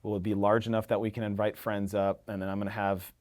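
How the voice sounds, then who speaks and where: Easygoing low-voiced man telling stories. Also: quick pace. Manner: animated, rambling storyteller who swears casually. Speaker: podcast guest, chiropractor. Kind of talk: casual conversation.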